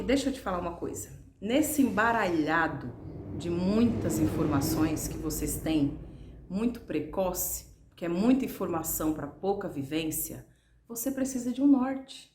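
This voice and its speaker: A woman's voice: mid-range voice, animated, a little slow, darkish tone. A woman in her forties with a Brazilian Portuguese accent, giving motivational advice to camera in a chatty, affectionate way and often checking in with her listeners. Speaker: motivational vlogger and mother. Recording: roomy, echoing room.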